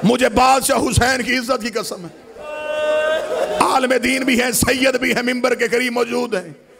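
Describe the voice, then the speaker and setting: A man's voice: extremely high pitch, fairly even intonation, unhurried, creaky, a loud crowd, heavy background noise. A man delivers a mourning-gathering sermon from the pulpit, chanting it with passion that keeps rising toward wailing cries. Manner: impassioned, melodic chanting that swells into wailing cries. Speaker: majlis orator. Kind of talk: chanted Shia majlis sermon.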